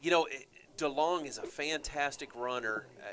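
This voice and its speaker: A man doing play-by-play for high school football radio, chatty and relaxed with lots of fillers. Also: moderate pace. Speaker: play-by-play announcer.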